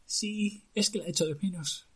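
A man's voice: high-pitched, moderate pace, husky, voice pushed up. A man voicing a lovesick young prince, whining and sighing in a story told aloud. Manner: whiny, sighing.

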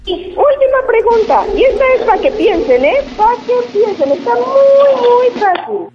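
A woman's voice: extremely high pitch, sing-song, unhurried, dull audio, heavy background noise. A woman reporting from an event and quizzing the crowd with teasing riddles. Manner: teasing quizmaster. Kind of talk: live remote radio link.

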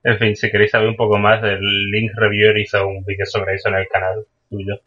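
A man with a Spain Spanish accent chatting casually and tossing in quick asides. His low, husky voice has a bright, forceful edge. The audio comes through dull and lo-fi. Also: completely flat delivery. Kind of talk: casual chat.

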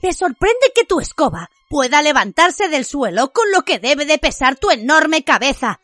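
A woman's voice: high-pitched, big pitch swings, moderate pace, no room sound, pitched above the performer's own voice. Lily, a woman putting on a fiery young witch. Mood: indignant. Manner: sharp, indignant retorts.

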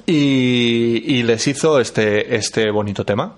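A man's voice: medium pitch, slow pace. Joking Spanish podcast host, man. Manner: jokey, sarcastic. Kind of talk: casual comedic chat.

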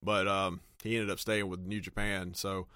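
A man's voice: sits low, flat delivery, moderate pace, bright, forceful tone, dry recording, clean studio sound. A man co-hosting a podcast, chatting enthusiastically as he recaps recent events. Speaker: podcast co-host. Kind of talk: casual chat.

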